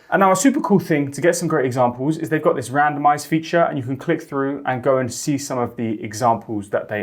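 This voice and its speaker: Upbeat man walking through a tutorial. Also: mid-range voice. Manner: upbeat, chatty, enthusiastic. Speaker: host. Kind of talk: software tutorial narration.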